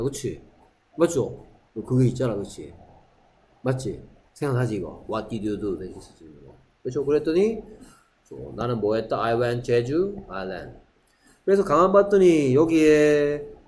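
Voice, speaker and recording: Man teaching English in a steady lesson voice. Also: mid-range voice, a little hiss or hum. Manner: reads English lines slowly and deliberately, keeps checking in with "그렇죠?". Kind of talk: classroom lesson explaining a textbook dialogue.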